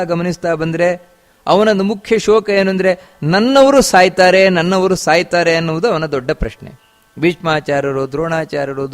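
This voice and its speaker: High-voiced man explaining scripture. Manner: repeats key phrases, asks rhetorical questions. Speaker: religious teacher. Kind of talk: scripture discourse with chanted verses.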